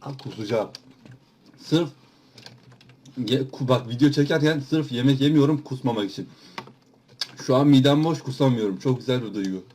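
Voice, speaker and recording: A young man rattles off rowdy gameplay commentary, cursing and taunting other players between asides to his viewers. His voice sits at an ordinary middle pitch. A steady hiss of noise runs under the recording. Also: moderate pace, pauses often. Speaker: gaming YouTuber. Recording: background noise.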